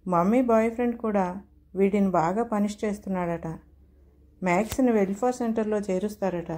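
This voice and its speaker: A woman's voice: medium pitch, moderate pace, dark tone, lightly acted. A woman voicing a little boy who is tearful and worried about his parents. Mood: childlike tearful. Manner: sobbing childlike pleading.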